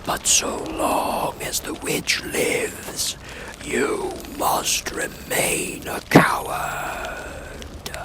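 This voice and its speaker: Fire spirit wizard: hushed breathy whisper, very slow, menacing, storybook fantasy. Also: male voice. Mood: eerie, menacing. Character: eerie wizard as a glowing ball of fire.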